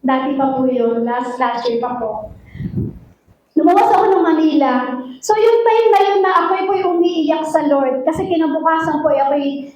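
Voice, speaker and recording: A woman pastor preaches in a very high, lilting voice, pleading and repeating herself as she testifies. Her voice sounds distant, and it booms around a big echoing church hall. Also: moderate pace, darkish tone. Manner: emotional preaching with a sing-song lilt and repeated appeals. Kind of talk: sermon. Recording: very echoey church hall, mic far off.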